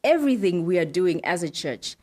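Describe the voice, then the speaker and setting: Middle-aged woman from zimbabwe, lowish voice, chatty podcast guest listing things off. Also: big pitch swings, fairly quick, mellow. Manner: explains in lists, frequent affirming "right, yes". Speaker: podcast guest, data protection officer. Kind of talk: casual interview talk.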